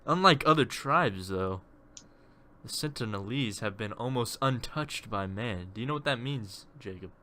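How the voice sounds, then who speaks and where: A man's voice: medium pitch, expressive, moderate pace, pushed and bright, a little hiss or hum. A young man hosting a casual podcast, leading the talk with a jokey manner. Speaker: podcast host.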